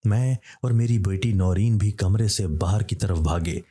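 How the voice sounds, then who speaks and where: A man's voice: lowish voice, unhurried, mellow, breathy edge. A man narrating a scripted horror story, speaking steadily and voicing each character in his own plain voice.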